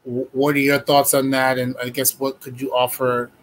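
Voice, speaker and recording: A man's voice: mid-range voice, monotone, normal speed, rough recording. Man, 40s, curator host, friendly, rambling questions, video call, faint background noise. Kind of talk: casual video-call interview.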